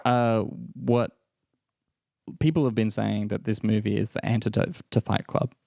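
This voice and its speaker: Gravelly low-voiced man, deadpan podcast banter. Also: normal speed, dry recording, clean studio sound. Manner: deadpan, hesitant with many fillers. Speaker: podcast co-host. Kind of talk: deadpan comedic movie chat.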